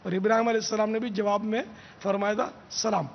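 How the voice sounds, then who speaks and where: Brief: male religious teacher, high gravelly voice, patient lecturing, lo-fi dull broadcast sound. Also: level tone, in a large hall. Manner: drills pronunciation with slow drawn-out repetitions. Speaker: religious scholar answering questions. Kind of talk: religious question-and-answer teaching. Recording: dull lo-fi broadcast audio with faint hiss.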